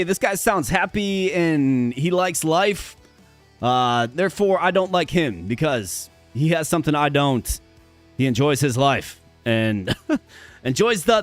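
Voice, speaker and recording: This upbeat male game streamer talks casually to his audience, addressing viewers directly in chatty live commentary. His slightly high voice sounds strained and worn, with an occasional stutter and repeated words, over soft background music.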